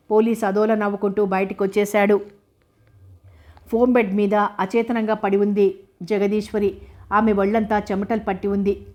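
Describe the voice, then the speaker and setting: A woman narrating a suspense novel as an audiobook, reading every character's lines in her steady storytelling voice. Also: medium pitch.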